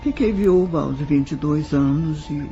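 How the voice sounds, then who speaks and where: A man's dark voice, sitting on the high side and carrying a Brazilian accent, plays a sad nineteenth-century widow looking back on her life. The scripted audio drama monologue is slow, measured and formal. Music runs underneath a slightly muffled recording.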